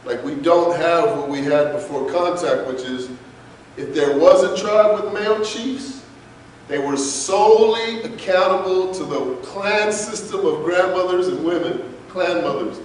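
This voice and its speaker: Recorded from afar in a large, reverberant hall over a faint hiss, a man lectures an audience as a guest speaker. His voice is slightly high for a man, and he speaks unhurriedly with passion and emphasis, posing rhetorical questions.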